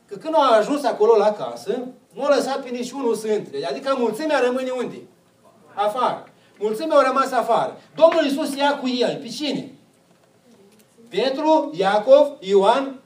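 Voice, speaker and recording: High-pitched preacher in an echoey hall. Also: male voice, far from the mic. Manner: asks the listeners questions and answers them himself. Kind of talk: sermon.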